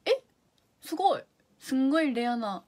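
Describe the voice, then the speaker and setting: A woman's voice: high-pitched, sing-song, moderate pace. A young woman from Fukuoka with a Hakata accent, chatting casually on a livestream and reading out viewer comments in a bubbly way. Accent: Hakata dialect. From Fukuoka, Japan. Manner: bubbly, chatty, drops to soft asides. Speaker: idol livestream host.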